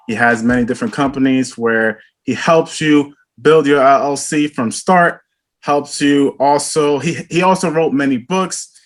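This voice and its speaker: A man hosting a podcast, introducing his guest in plain, measured talk with a few restarts. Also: medium pitch, a bit bright. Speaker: podcast host. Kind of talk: casual podcast interview.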